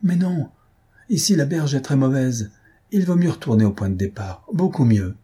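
A man's voice: mid-range voice, animated, moderate pace, mellow, breathy edge, voice pushed up. A man voicing a flighty, fussy young woman, a marquise, in a capricious, petulant tone.

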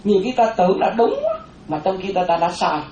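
A Buddhist monastic woman, giving a lively dharma talk and often asking the audience questions. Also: lowish voice, quick pace, slight background noise. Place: hall with a seated audience. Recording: roomy, dull sound with faint audience.

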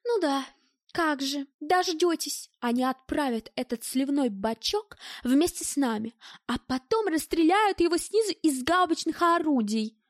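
A woman reading an audiobook and voicing a sharp-tongued, sardonic woman who speaks with biting scorn. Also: high voice, lively intonation, measured pace, dry recording, studio quality, voice pushed up. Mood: scornful.

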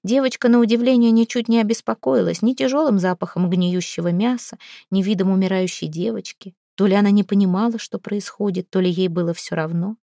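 A woman reading a novel aloud as narrator, with even storytelling. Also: medium pitch, fairly quick, creaky, dry recording, clean studio sound. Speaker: audiobook narrator. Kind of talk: scripted narration.

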